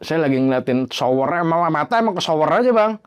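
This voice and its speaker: A man telling his own horror story in a casual, slangy way. He swears freely and acts out the bangs and creaks he heard. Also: fairly high pitch, quick pace. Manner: animated, imitates sounds like bangs and creaks.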